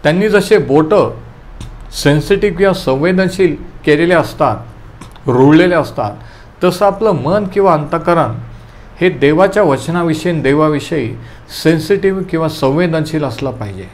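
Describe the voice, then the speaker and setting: Man teaching a Bible study, somewhat high voice. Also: normal speed. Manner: calm teaching, asks listeners to underline verses; mixes in English terms. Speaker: preacher.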